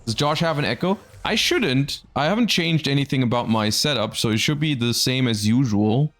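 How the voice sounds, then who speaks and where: A man's voice: mid-range voice, lively intonation, moderate pace, fairly bright tone. A man hosting and commentating a live card game tournament in a conversational, explanatory announcer manner.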